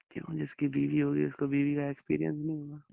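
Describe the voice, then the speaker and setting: A man's voice: on the high side, monotone, fast talker, creaky, no echo. A young man on an intimate phone call with his wife, reassuring her and rambling through long explanations. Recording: muffled phone call recording.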